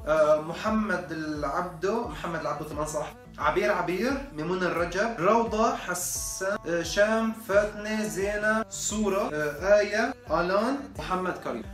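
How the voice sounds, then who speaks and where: A man's voice: high voice, fairly bright tone, recorded from a distance. A man with a Syrian accent in a joking, mock-exasperated comedic rant. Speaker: comedy vlogger. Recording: echoey room, off-mic, faint music.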